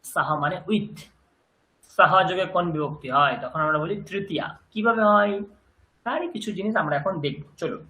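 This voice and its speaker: A man teaching a grammar lesson, patiently drilling words through slow repetition. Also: high-pitched, pushed and bright, roomy sound, low-quality recording. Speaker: language teacher.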